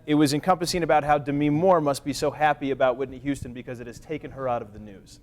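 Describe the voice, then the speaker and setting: A man's voice: medium pitch, steady tone, a little mellow. A man comedian telling rambling stories in a casual panel chat. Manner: fast, rambling storyteller. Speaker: comedian guest.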